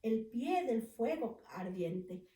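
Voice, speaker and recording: A smiling, friendly storybook badger who talks slowly and warmly, as a woman reading aloud does it. The room is echoey and the mic is distant. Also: a little high, big pitch swings.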